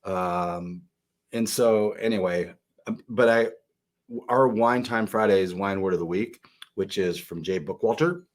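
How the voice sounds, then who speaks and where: A middle-aged man co-hosting a wine podcast, talking casually with many fillers and restarts. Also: deep voice. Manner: chatty, halting with many fillers. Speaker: podcast co-host. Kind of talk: casual wine-tasting chat.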